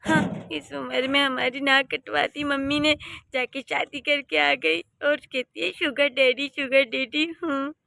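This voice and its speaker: A woman's voice: sits high, steady tone, a little slow, creaky, bright, forceful tone, no echo, exaggerated voice. A woman voicing a fed-up, sarcastic daughter-in-law in a cartoon. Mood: grumbling. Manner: complaining, sarcastic.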